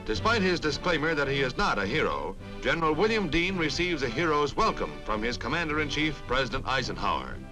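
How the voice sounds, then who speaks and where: A man's voice: fairly high pitch, big pitch swings, fairly quick, hardly any pauses. A man giving dramatic, declamatory 1950s newsreel narration with wry quips, heard as old newsreel sound from a film soundtrack. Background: music.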